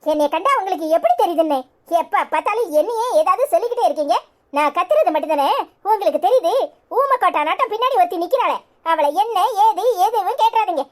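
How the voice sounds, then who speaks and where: A woman voicing a sharp-tongued, resentful young wife in a cartoon, with a Tirunelveli Tamil accent and quick cutting complaints. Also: very high-pitched, animated. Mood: angry. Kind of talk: cartoon voice acting.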